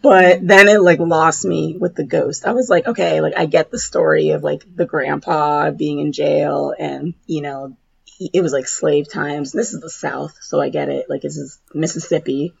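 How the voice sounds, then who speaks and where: A woman co-hosting a casual podcast chat with a hoarse, raspy voice that is nearly gone, talking informally with lots of filler words. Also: low-pitched, fairly even intonation, normal speed, muffled recording. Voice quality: raspy, husky. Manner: informal, heavy use of "like" and "you know".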